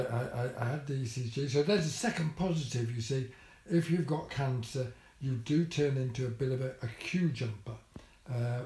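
An older man with a warm, medium-pitched voice tells a story about visiting the hospital in a casual vlog. His humour is dry and wry, and he uses many ums and restarts. It was recorded in an echoey room.

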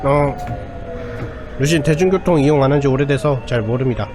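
A man's voice: medium pitch, brisk, music in the background. A man giving casual, chatty live gameplay commentary, musing aloud as he goes. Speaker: game streamer.

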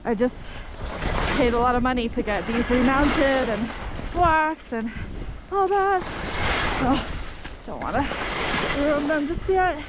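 A woman's voice: high voice, slow, pauses often, heavy background noise. A young woman vlogging while she skis, chatting casually and exclaiming as she goes, recorded outdoors on an action camera. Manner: chatty, exclaiming, frustrated about rocks. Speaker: ski vlogger. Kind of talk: casual vlog commentary. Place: outdoors on a ski slope. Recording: music playing under the voice.

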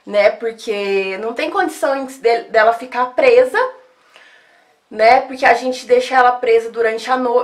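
A young woman talking straight to her viewers in a casual phone vlog, soft and sad. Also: sits high. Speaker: vlogger.

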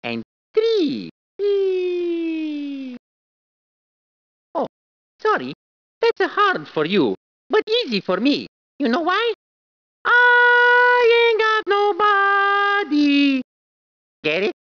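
In dull, dry game audio, a man voices a jokey, eager, bouncy cartoon plumber with a put-on Italian accent, squealing and laughing playfully. His voice is very high and swoops wildly in pitch. He speaks slowly with long pauses, in a heavily acted style.

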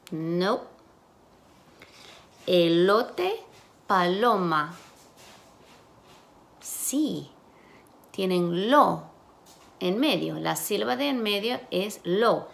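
A woman's voice: on the low side, vocal fry, a bit bright. A woman teacher giving a phonics lesson, sounding out letters and syllables one at a time.

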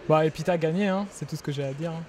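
A man's voice: fairly high pitch, rapid-fire, darkish tone. A young male student gives offhand, casual answers in a street interview.

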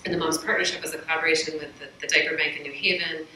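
A woman in her forties, a researcher on a panel, gives an earnest academic presentation at a podium microphone in an indoor meeting room, gesturing and using many fillers. Her low voice is steady in tone but racing, pushed and bright. The recording is echoey and distant, with a little hiss or hum.

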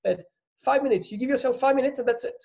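French-accented man, earnest and halting. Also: extremely high pitch, gravelly, darkish tone, highs cut off. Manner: earnest, many restarts and repeated words. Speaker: guest. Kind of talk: casual interview chat.

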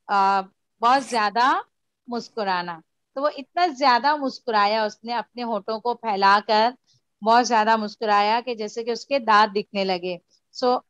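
A woman teacher takes a class through a story, slow and patient, going over each word again. Her voice sits a little high. The sound is dry and muffled, like a lo-fi recording. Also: fairly bright tone, clean tone, no room sound. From India. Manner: slow, patient explaining, mixing Urdu with English and repeating words. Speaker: school teacher. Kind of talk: classroom lesson explaining a story.

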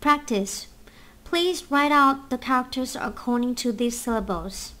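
A woman teaching a Mandarin lesson, explaining tones patiently and leading repeat-after-me drills with clear enunciation. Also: high-pitched, a little slow, pushed and bright.

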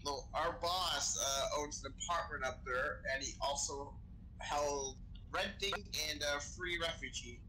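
Over noisy gaming voice chat, a man stays in character as a crew member in a role-play game, casually and swearily explaining things. He speaks at a measured pace in a slightly high, sharp voice.

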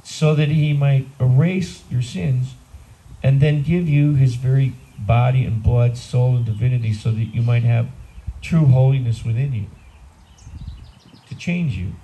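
A man in his sixties with an Upper Midwest American accent preaches an easygoing, conversational homily. His voice is gravelly and dark-toned. He speaks outdoors on a garden patio, heard from a camera set some way off, with a faint hiss in the background. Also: mid-range voice, rough recording. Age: 60s. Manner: conversational, plain-spoken preaching. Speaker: priest. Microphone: far camera.

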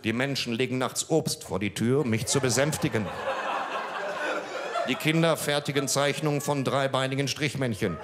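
Middle-aged male comic, deadpan storyteller, handheld mic on a club stage, some faint noise. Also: mid-range voice, moderate pace. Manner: deadpan storyteller, breaks off to banter with the audience. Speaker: comedian. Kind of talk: stand-up storytelling read from a page. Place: small club stage with a live audience.

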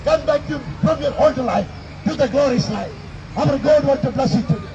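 This middle-aged man's voice is extremely high-pitched, moving at a moderate pace, and the audio sounds dull. Outdoors in a city plaza, he delivers an emphatic open-air street sermon into a handheld microphone, repeating his declarations over crowd and city noise.

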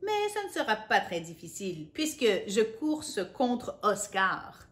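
A woman's voice: medium pitch, wildly swooping pitch, a little slow, a bit bright. A woman voicing a boastful, cocky young male hare in a children's storybook reading, with a smug, self-assured manner.

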